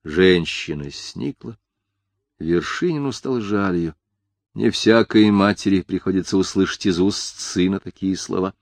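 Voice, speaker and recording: A man reading an audiobook in scripted narration, in an even, measured way. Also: sits low, gravelly, no echo.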